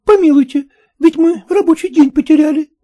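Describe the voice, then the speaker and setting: A man doing shrill peasant girls. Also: fairly quick, warm tone, dry recording, clean studio sound. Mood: insistent. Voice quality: high and shrill. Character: young peasant girls demanding pay, shrill.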